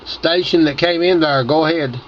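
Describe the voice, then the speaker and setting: A man's voice: on the high side, normal speed. A man from Tennessee chatting casually as a ham radio operator and commenting for his video. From Tennessee, United States. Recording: dull audio with faint noise.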